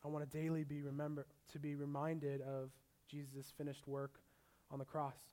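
Young man, pastor, sermon, conversational storytelling, slightly high voice. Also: completely flat delivery, moderate pace, mellow.

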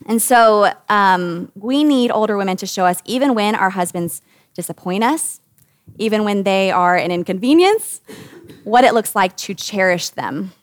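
A woman's voice: medium pitch, moderate pace, dry recording, clean studio sound. Earnest woman teaching a women's group. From United States. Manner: earnest, conversational, with lively emphasis. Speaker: women's Bible study teacher.

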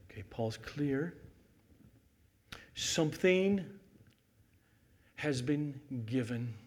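A middle-aged male pastor preaching a sermon, swinging from loud emphasis to near-whispers and slowing down to read scripture deliberately. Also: fairly high pitch, animated.

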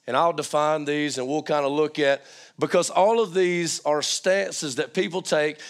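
A man preaching an informal teaching sermon, checking in with listeners through questions, his voice strained as it recovers from being lost. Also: fairly high pitch.

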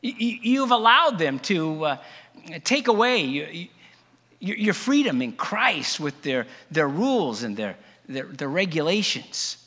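A man acting as the Apostle Paul, reluctantly boasting to a congregation in a halting, stammering, heavily ironic dramatic monologue. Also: fairly high pitch, big pitch swings, bright, forceful tone, long reverb tail, heavily acted. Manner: halting, stammering, heavy with irony. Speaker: actor in a first-person biblical monologue.

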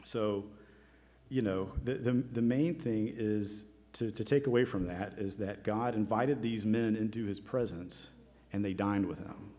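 A man with a fairly low voice gives an informal communion talk in a reverberant church hall. He is conversational and modest, feeling his way through phrases and scripture readings with frequent hesitation. The long reverb trails his words. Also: mellow. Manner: halting, hesitant, conversational, self-deprecating. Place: large church room, speaking to a congregation.

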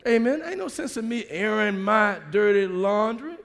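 Male preacher, high gravelly voice, call-and-response sermon, long church reverb. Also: lively intonation, moderate pace. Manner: call-and-response preaching, swings from quiet asides to shouting.

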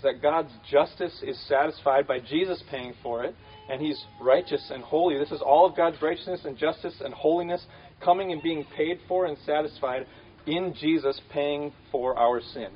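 A man's voice: a little high, normal speed, muffled recording, slight background noise. A man preaching a conversational sermon, casual and full of fillers, repeating key phrases.

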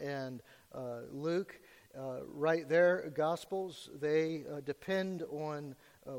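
A man preaching a Sunday sermon as pastor at a pulpit microphone in a church, with frequent "uh" fillers and lifts in his voice for emphasis. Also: fairly high pitch. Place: church sanctuary. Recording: long hall reverb.

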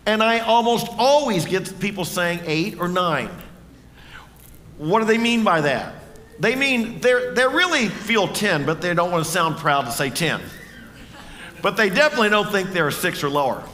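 A man's voice: high voice, lively intonation, normal speed, pushed and bright, in a large hall. A man preaching a sermon in a church, earnest and conversational, often asking the congregation questions. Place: church sanctuary.

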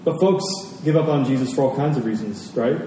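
Speaking fairly quickly at a medium pitch, a man with a mellow voice preaches in a conversational way, repeating important phrases. The recording comes from a distant mic in a very echoey, large hall, with faint noise underneath.

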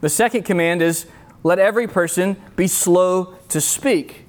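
A man's voice: high-pitched, measured pace. A middle-aged man preaching a sermon at a youth retreat, earnest and repeating key phrases for emphasis. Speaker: youth pastor. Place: retreat meeting room.

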